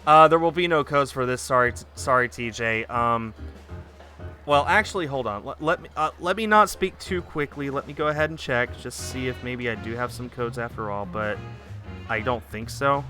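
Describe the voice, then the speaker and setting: Guy streaming a game, casual muttering thinking out loud, normal pitch, loud music in the back. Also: moderate pace. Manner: thinks aloud, muttering as he works.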